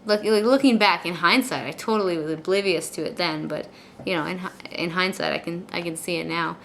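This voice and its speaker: A woman chatting casually and confessionally in a video blog, rambling and repeating words, with soft R sounds that lean toward W. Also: on the low side, brisk. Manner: rambling, repeats words and phrases before finishing. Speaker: video blogger. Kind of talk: casual confessional chat to camera. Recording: clear background noise.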